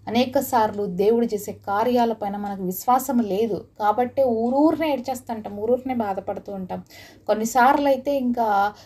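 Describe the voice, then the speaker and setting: A woman's voice: a little high, moderate pace, mellow, slightly rough. A woman giving an earnest devotional sermon, opening with a prayer and asking her listeners many questions. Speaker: preacher.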